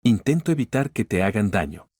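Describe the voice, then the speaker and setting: A man reading the lines of a guarded, cool-headed female chief executive in a storybook narration, terse and quiet. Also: fairly low pitch, very animated, a little fast, breathy edge, no echo, studio quality. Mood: subdued.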